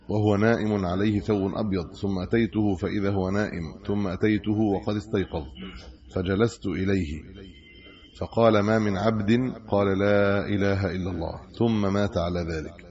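A middle-aged Egyptian sheikh teaches hadith commentary, reading the texts aloud and then explaining them in colloquial asides with an Egyptian Arabic accent. His voice is deep and a little mellow, captured in a dull, lo-fi lecture recording.

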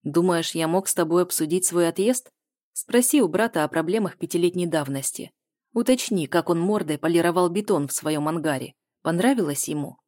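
A woman voicing a brooding, possessive man who speaks calmly and steadily in an audiobook. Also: on the low side, fairly quick, dry recording, studio quality, lightly acted. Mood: mocking. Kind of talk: audiobook character voice.

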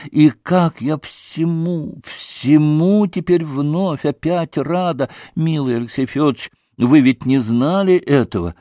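A man voicing an excitable middle-aged society lady who talks effusively and breathlessly. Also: on the high side, slow pace, hardly any pauses, no room sound, studio quality. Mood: gushing. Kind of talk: audiobook character voice.

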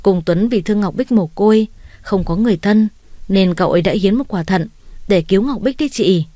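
A woman's voice: medium pitch, a little fast, mellow, no room sound, lightly acted. An eager young male doctor in an audio story, polite and keen to please. A woman voices him without changing her voice. The sound is dry and close. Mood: earnest.

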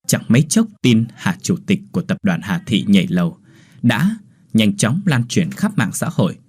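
A man's voice: on the low side, sing-song, moderate pace, a little mellow, slightly rough. A man narrating a Vietnamese ghost story in a dramatic, vivid scripted reading.

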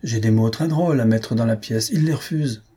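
A man reading aloud and voicing a grumpy, irritable older husband who blusters and shouts sarcastically. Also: medium pitch, normal speed, breathy edge, close to an everyday voice. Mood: grumbling.

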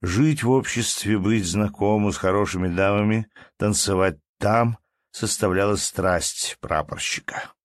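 A man narrating a literary audiobook in a measured, even storytelling manner. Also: lowish voice, dry recording, studio quality.

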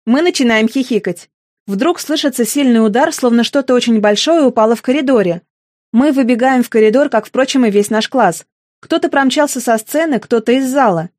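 A woman narrating a first-person audiobook with an expressive delivery. Her voice sits slightly high. The recording is dry and close. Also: fairly quick, dry recording. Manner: expressive reading.

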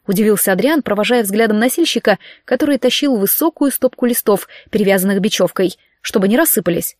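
A woman narrating an audiobook in the first person, lively and lightly ironic, on a close mic. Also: medium pitch, fast talker, no room sound.

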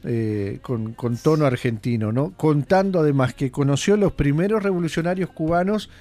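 A radio show host offers casual spoken commentary in a conversational, halting manner, full of fillers and restarts. His voice is a little high, expressive and warm in tone.

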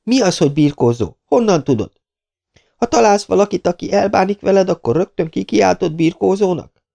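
Guy doing a shrieking bossy lady in an audiobook, way up high, gravelly underneath. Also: big pitch swings, warm tone. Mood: demanding. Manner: shrieking, contemptuous. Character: furious bossy woman, shrill and scolding. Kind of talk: audiobook character reading.

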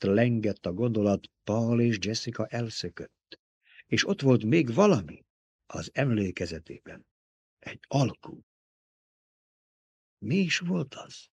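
A man's voice: a little mellow, breathy edge, no echo. A man reading a novel aloud as an audiobook, lifting his voice for the characters' lines. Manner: voices characters by raising pitch and volume in dialogue. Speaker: audiobook narrator.

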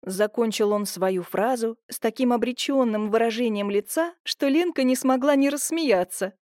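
A woman narrating an audiobook in an expressive storytelling manner. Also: fairly high pitch, normal speed, no room sound, clean studio sound. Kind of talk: scripted narration.

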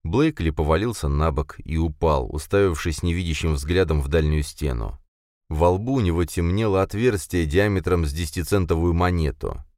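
A man narrating a thriller audiobook in an expressive, tense reading. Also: low-pitched, normal speed, no echo, clean studio sound.

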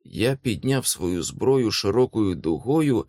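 A man reading a fantasy audiobook aloud in dramatic first-person narration, telling the action vividly and slowing for the tense beats. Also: fairly low pitch, very animated, mellow, no room sound, clean studio sound.

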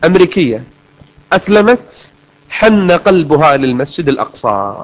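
A man preaching a sermon in an earnest tone, stretching recited verses out slowly. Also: a little high, sing-song, poor audio.

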